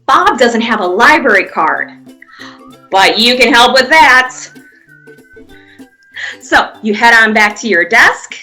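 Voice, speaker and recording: Faint music sits behind a high-voiced woman who speaks slowly, with lively intonation, a sharp tone and long pauses. Presenting a pantomime activity at a children's museum, she leads young children through pretend play with simple encouraging prompts and playful sound effects.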